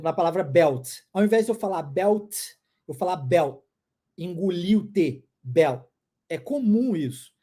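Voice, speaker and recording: A woman with a Minas Gerais accent leads a casual English lesson in a mellow, warm tone. Her pitch rises and falls widely as she chats playfully and stretches out words slowly for drilling. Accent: Brazilian Portuguese, mineiro (Minas Gerais). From Minas Gerais, Brazil. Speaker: English teacher.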